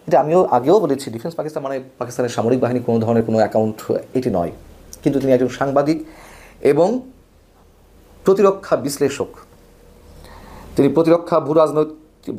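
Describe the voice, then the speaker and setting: A man of ordinary pitch delivering political commentary in an emphatic, rhetorical way. He leans hard on key words with sudden upward jumps in pitch, and the delivery is spoken rather than read, with the odd slip. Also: dark tone.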